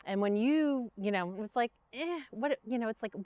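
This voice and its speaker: A woman's voice: a little high, expressive, moderate pace, darkish tone, dry recording. A woman with a Brooklyn accent, guest on an interview, telling her business story in earnest, chatty talk full of fillers. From Brooklyn, New York. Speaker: guest entrepreneur. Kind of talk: casual interview chat.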